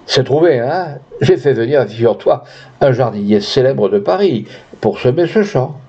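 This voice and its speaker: A man's voice: medium pitch, lively intonation, normal speed, dark tone, breathy edge. A man playing a cruel, pompous rich landowner who bullies and boasts, in a dull lo-fi recording. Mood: boastful. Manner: boastful, then furious and bullying.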